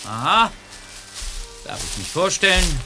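An actor playing an eccentric, grandiose and mysterious inventor in an audio drama, with theatrical, drawn-out pronouncements. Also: male voice, high-pitched, very animated, music in the background. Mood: inquisitive, mysterious. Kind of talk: German audio drama acting.

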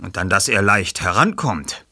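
Ein Mann liest ein Hörbuch und spricht einen jungen Detektiv mit Brille, der Sachverhalte nüchtern erklärt. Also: male voice, low voice, lively intonation, normal speed, bright, forceful tone, husky, no room sound, studio quality, voice pushed up, exaggerated voice. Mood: explaining. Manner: explaining, reasoning. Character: bespectacled young male detective, analytical.

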